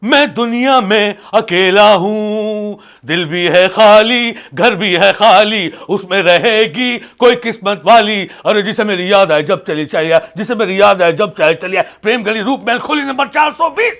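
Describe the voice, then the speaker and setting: A man's voice: very high-pitched, animated, a little fast, vocal fry, hardly any pauses, pitched above the performer's own voice, heavily acted. A man playing a boastful lecherous fake baba. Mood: comic. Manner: loud, sing-song hawker chants, sudden angry outbursts. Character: bumbling lecherous male fake faith-healer baba, boastful. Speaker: comedian. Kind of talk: sketch comedy.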